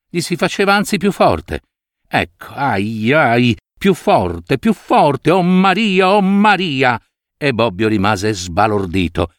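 Expressive male audiobook narrator, dry sound. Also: mid-range voice, no echo. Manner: expressive, dramatic reading. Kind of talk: scripted storybook narration.

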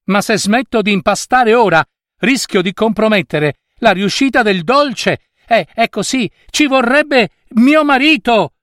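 A man's voice: high-pitched, big pitch swings, measured pace, no echo, clean studio sound, pitched above the performer's own voice. A man voicing a fussy, anxious baker woman who sighs and frets as she kneads, in a read-aloud storybook. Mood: pleading loudly. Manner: sighing, fretful, pleading.

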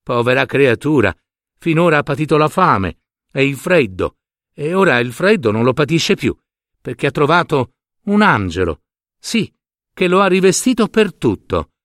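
Earnest country woman talking from the heart, lively tone, a man reading her lines. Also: fairly high pitch, normal speed, no echo, clean studio sound. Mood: heartfelt. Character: warm-hearted woman market gardener. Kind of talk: storybook reading.

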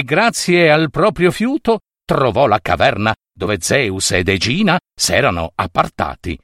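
A man narrating a myth as a storyteller, theatrical and drawn-out, with dramatic pauses. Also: medium pitch, a bit bright, dry recording, studio quality.

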